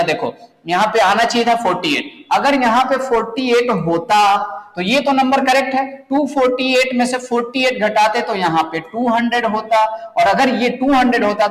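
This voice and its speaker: High-voiced male math teacher, echoey room. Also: fairly bright tone. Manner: explains step by step, asks the students questions, addresses them as children. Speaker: math teacher for bank exams. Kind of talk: exam coaching lesson. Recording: echoey room, long reverb.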